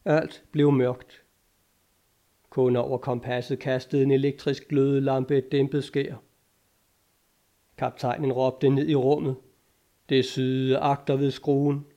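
Man, audiobook narration, mellow dark timbre, measured, dramatic. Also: mid-range voice.

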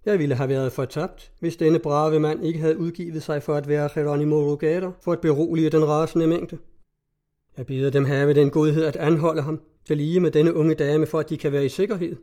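A composed young nobleman speaks in a hushed, urgent way, voiced by a man reading a story aloud. The voice is a little high and mellow. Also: steady tone, lightly acted. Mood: firm. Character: young nobleman, calm and commanding under threat.

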